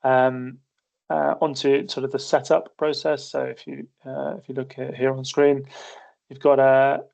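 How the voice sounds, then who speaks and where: This man's mid-range voice is creaky and darkish, flat in delivery and a little slow. Presenting a business webinar as an accountancy partner, he explains methodically, restarting often while his voice gives out, with occasional coughs.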